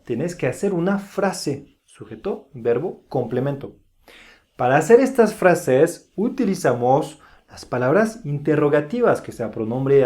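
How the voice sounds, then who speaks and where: Language teacher, online lesson, very slow delivery, careful, models words to repeat. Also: medium pitch, darkish tone. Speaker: French teacher.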